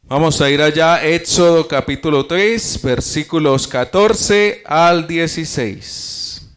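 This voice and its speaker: Guy teaching bible study at church, kinda high voice, asks questions then answers them himself. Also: takes it slowly, a bit bright, clean tone. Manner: explains step by step with rhetorical questions; addresses the audience as brothers.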